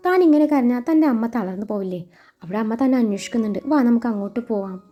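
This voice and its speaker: Woman voicing a gentle protective young man. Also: on the high side, quick pace, natural voice. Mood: reassuring. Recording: muffled recording with soft music.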